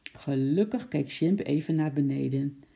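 Dark, gravelly storybook narrator. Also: mid-range voice, measured pace, highs cut off. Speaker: audiobook narrator. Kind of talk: children's story reading.

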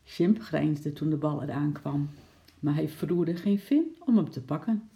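A narrator calmly reading a children's book chapter aloud. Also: medium pitch, creaky. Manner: calm, measured storytelling.

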